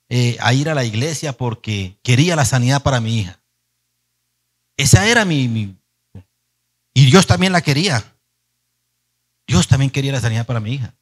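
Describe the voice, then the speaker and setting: A man preaching a sermon as pastor, telling a personal story earnestly and moving between emphatic and hushed delivery. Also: on the high side.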